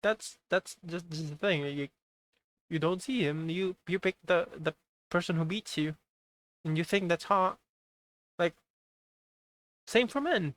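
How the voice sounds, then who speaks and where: A man reacting casually, halting and repeating his words. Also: a little high, fairly bright tone, no echo. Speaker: reaction youtuber.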